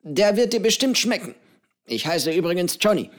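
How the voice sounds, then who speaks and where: A cheerful, eccentric old pirate cook with a hearty, booming manner, as a male narrator puts him on. His voice sits high and swings widely in pitch, full of playful energy. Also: very animated, normal speed. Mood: jovial.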